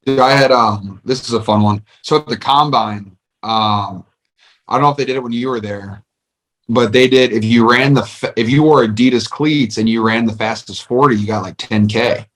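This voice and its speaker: A man's voice: medium pitch, normal speed, fairly bright tone. A man, a football player, chatting upbeat on a podcast, often saying "like". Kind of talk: casual chat.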